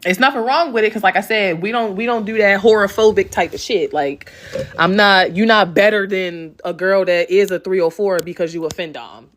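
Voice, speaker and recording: A woman's voice: mid-range voice, normal speed, fairly bright tone. Blunt, profane Baltimore woman vlogger. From Baltimore, West Side. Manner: blunt, profane and streetwise, with frequent laughter; chatty, loops back with "okay?" and "you know what I'm saying". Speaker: host answering viewer questions. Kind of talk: casual Q&A vlog.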